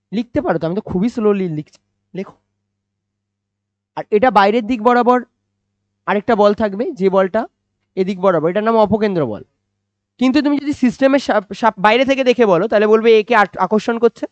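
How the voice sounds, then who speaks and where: A man teaching physics, explaining slowly and repeating points, asking questions and answering them himself. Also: high voice, no echo. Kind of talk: classroom-style physics lecture. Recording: dry, slightly dull recording.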